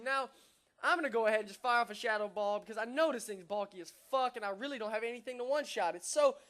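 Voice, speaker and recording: A man's voice: very high-pitched, fairly bright tone. A young man casually narrating his own online game battle, laid-back, profane and self-mocking. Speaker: gaming YouTuber. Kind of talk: casual gameplay commentary.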